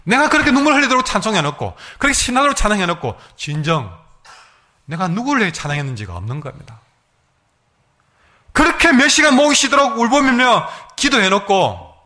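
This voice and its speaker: A man's voice: very high-pitched, pushed and bright. A male pastor preaching a sermon emphatically, acting out his congregation's words.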